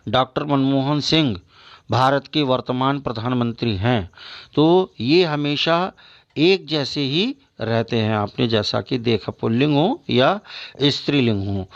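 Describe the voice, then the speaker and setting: Male schoolteacher explaining grammar, patient and deliberate, lists examples one by one; dull, muffled recording. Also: mid-range voice, gravelly. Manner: slow, deliberate listing of example words; repeats "है ना" to check understanding. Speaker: teacher. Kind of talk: grammar lesson.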